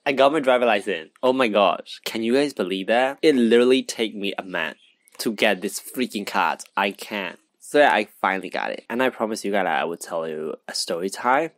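Young man, casual storytime vlog, excited and rambling, fairly low voice. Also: brisk, dry recording. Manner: excited, rambling, heavy use of "like". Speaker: vlogger.

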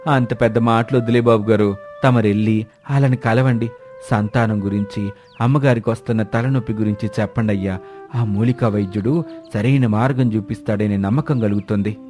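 A man's voice: on the low side, steady tone, brisk, darkish tone, soft background music, natural voice. A man doing an eager, respectful farmhand. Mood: earnest.

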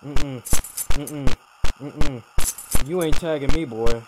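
A man's voice: medium pitch, slow pace, over loud music. A man doing scared, slangy horror game commentary, often repeating phrases in a panic. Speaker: gamer playing a horror game on a recording. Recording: noisy gameplay recording with clicks.

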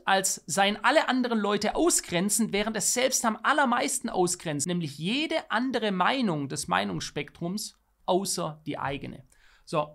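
A man in his thirties co-hosts a podcast, sharing opinions in an emphatic, rhetorical style. His voice is high, gravelly and fairly bright. He's indoors in a small studio room, speaking into a studio microphone on a boom arm.

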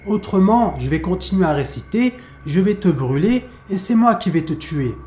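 A man's voice: high voice, lively intonation, normal speed, a little mellow, reverberant. A man storyteller voicing a stern imam who firmly questions and threatens a spirit. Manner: firm, commanding, threatening. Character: stern male imam performing an exorcism.

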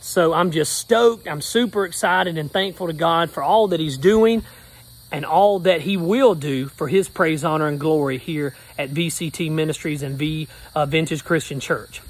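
Male pastor, 30s, fairly high voice, upbeat rhythmic preacher phrasing, phone selfie outdoors. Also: moderate pace. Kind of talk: casual selfie update video. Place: backyard outdoors. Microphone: phone at arm's length.

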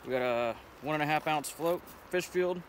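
A young fishing vlogger with a slightly high voice explains at normal speed, step by step, how he ties his fishing rig, speaking in a laid-back, plainspoken, slangy way. The casual how-to is recorded outdoors on a riverbank by a camera a few feet away, with steady background noise.

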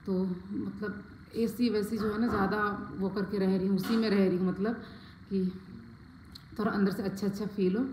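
A woman's voice: mid-range voice, fairly even intonation, moderate pace, noisy background. Chatty woman vlogging in an echoey room. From Faridabad, India. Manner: chatty, talks straight to viewers, many fillers. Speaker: family vlogger. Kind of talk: casual vlog chat to viewers. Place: at home, packing indoors.

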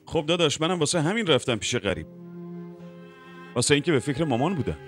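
A man's voice: on the high side, sing-song, soft background music. A man dubbing a defiant younger brother arguing about the family company in a TV drama. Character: stubborn younger brother, brash businessman. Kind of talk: Persian dub of a TV drama.

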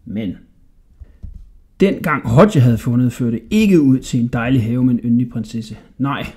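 A man narrating a children's bedtime audiobook in an expressive storytelling manner. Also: medium pitch. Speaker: audiobook reader.

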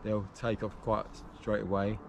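A man in his fifties with a fairly low voice talks in a relaxed, easygoing way as he works outdoors, pausing with ums while he thinks aloud. The camera sits close by in the open air. Clear outdoor noise from birds and traffic runs underneath. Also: muffled recording. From England. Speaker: allotment gardener and channel host. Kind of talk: casual gardening vlog. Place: outdoor allotment and polytunnel.

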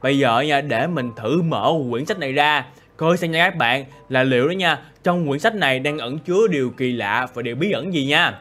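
A man narrating a Minecraft role-play, excitable and full of exclamations and asides to viewers. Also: mid-range voice, normal speed, few pauses. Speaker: gaming YouTuber.

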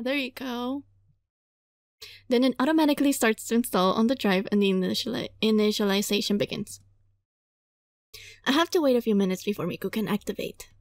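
Playing a visual novel, this woman performs the text dramatically and reacts in a casual, animated, playfully fed-up manner, sometimes fumbling words. Her pitch is a little high, and the sound is clean studio audio without echo.

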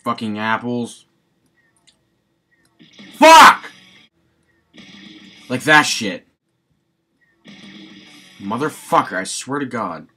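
A man doing raging gamer commentary, angry and exasperated, swearing heavily and prone to yelled outbursts. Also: medium pitch, animated, slow, long pauses, husky, faint music behind. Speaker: gamer recording a gameplay video.

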